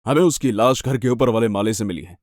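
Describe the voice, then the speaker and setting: A man voicing a polite, steady police officer delivering hard news in an animated horror story. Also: mid-range voice, fairly quick, no room sound, clean studio sound, voice pushed down, natural voice. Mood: calm. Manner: steady, matter-of-fact.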